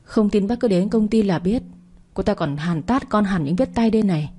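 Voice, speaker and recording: A woman's voice: medium pitch, a little fast, dark tone, husky, lightly acted. A woman voicing a spoiled, whiny young woman secretary in a storybook reading, complaining in a sniffling way. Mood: tearful.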